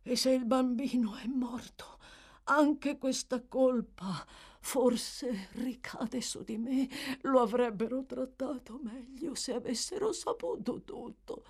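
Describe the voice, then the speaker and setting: A woman voicing a feverish, guilt-ridden dying old pauper woman who gasps and breaks into whispers and high cries. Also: slow, darkish tone, breathy edge, exaggerated voice. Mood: delirious.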